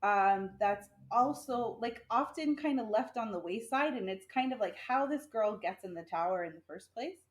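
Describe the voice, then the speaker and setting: A woman's voice: fairly high pitch, animated, normal speed, few pauses, echoey room. A pregnant woman co-hosting a podcast, casually retelling a fairy tale in a chatty, giggly way and correcting herself as she goes. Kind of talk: casual chat.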